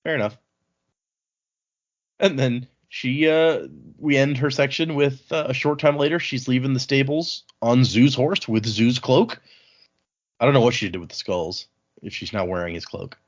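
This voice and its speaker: Here a man speaks at medium pitch and normal speed, the sound lo-fi. He's co-hosting and leading a book read-along, chatting casually through the story and paraphrasing what the characters say in their voices.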